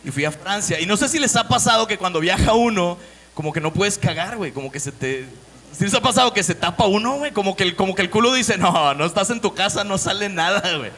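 High bright-voiced Mexican comedian. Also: male voice, expressive, fast talker. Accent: northern Mexican. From Monterrey, Mexico. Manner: profane, storytelling, acts out voices. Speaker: stand-up comedian. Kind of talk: stand-up comedy set.

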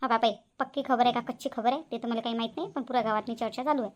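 A woman's voice: fairly high pitch, very fast, muffled recording, natural voice. A woman voicing a gossipy, quarrelsome middle-aged village woman in a cartoon, speaking. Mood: gossiping. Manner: defiant, quarrelsome.

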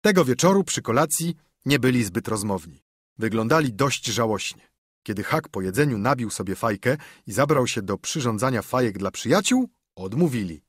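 A man reading a classic novel as a measured audiobook narrator. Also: medium pitch, expressive, husky, no room sound, clean studio sound. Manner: measured, storytelling. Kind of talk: scripted narration.

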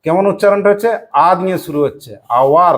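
Low-voiced Bengali teacher drilling her class. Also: fast. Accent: West Bengal Bengali. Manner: patient, repeats questions and prompts the class to answer. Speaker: primary school English teacher. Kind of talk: classroom lesson with call-and-response drilling.

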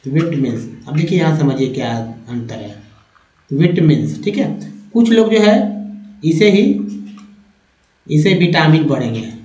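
A man's voice: on the high side, expressive, a little slow, long pauses, a little mellow. Man, pronunciation lesson, step-by-step explaining, repeats each word, echoey room, dull lo-fi sound. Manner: explains step by step, repeats words and addresses viewers as friends. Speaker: English teacher.

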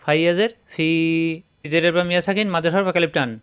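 A man teaching Quran recitation, spelling out syllables slowly and then chanting the verses drawn out. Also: a little high, steady tone, a bit bright, clear, resonant tone.

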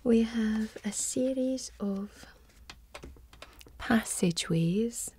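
A young woman with a Scottish accent in an ASMR role-play as a helpful librarian, speaking in a soft, breathy library soft voice. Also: on the high side, slight background noise. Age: young adult. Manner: slow, hushed, gently helpful. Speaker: ASMR performer playing a librarian.

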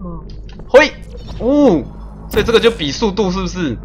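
A man streaming a puzzle game live, chatty and excitable, laughing often and making little sound-effect noises as he plays. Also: high-pitched, normal speed, noisy background. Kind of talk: live gameplay commentary.

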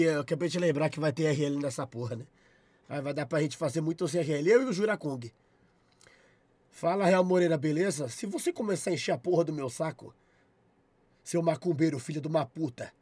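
A young man with a Brazilian accent, chatting on a live stream, loud and profane, shouting thanks at his chat. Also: a little high, fairly quick, slightly rough, no room sound. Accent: Brazilian Portuguese.

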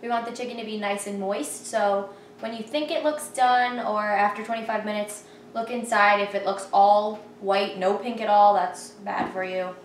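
A woman's voice: medium pitch, fairly even intonation, normal speed. A cheerful young woman hosting a casual cooking demonstration in her home kitchen, explaining each step plainly. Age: young adult. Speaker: cooking channel host. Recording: roomy kitchen echo, faint noise.

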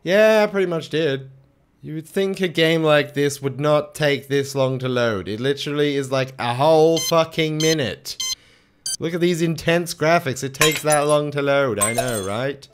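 A man giving let's play commentary, exasperated and swearing as he yells at the game he is playing. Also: a little high, moderate pace, slight background noise. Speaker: gaming channel host.

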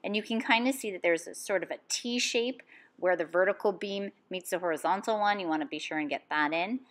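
A woman with a fairly low voice talks through a drawing lesson. She gives calm, step-by-step instructions as an art teacher. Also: a little fast.

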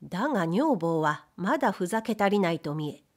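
A woman narrating a period story in a measured storytelling manner. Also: fairly low pitch, sing-song. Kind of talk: audiobook reading of period fiction.

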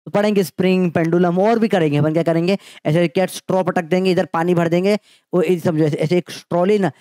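A male physics teacher giving an energetic coaching pep talk, playful and full of slang and sound effects, addressing students affectionately. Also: high-pitched, fast, dry recording, clean studio sound.

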